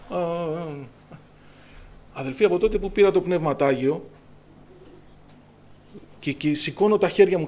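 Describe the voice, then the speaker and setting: Fervent high-voiced male preacher. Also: darkish tone. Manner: fervent, preacher's call-and-response, raises voice on scripture. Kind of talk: Pentecostal sermon.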